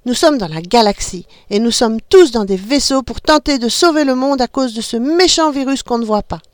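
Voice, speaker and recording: A woman's voice: on the high side, animated, moderate pace, dry recording, pitched above the performer's own voice, close to an everyday voice. A woman voicing a friendly, upbeat father who explains things patiently to his children over a video call. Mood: encouraging. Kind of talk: storybook reading.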